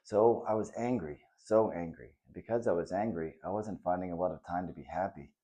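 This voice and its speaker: A man reading the part of a kind, patient father who talks softly and reassuringly to his son in a children's story. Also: low voice, fairly quick, natural voice. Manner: soft and reassuring.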